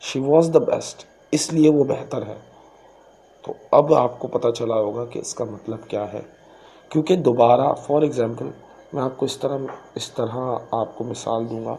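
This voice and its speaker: A man, explaining an English poem line by line as a teacher. He reads each line slowly, then explains it at a quicker pace. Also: medium pitch, vocal fry, warm tone, a little hiss or hum, rough recording. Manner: switches between slow recitation and quick explanation.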